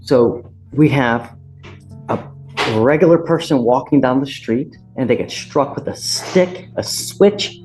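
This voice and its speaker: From the bench, a judge with an American accent speaks to people sternly, bluntly and colloquially, taking it slowly in a mid-range voice. The audio is poor, captured in a courtroom with background music.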